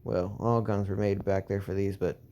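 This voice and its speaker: A man's voice: low-pitched, flat delivery, normal speed, mellow. A man improvising a fan story, rambling along with lots of filler words and restarts.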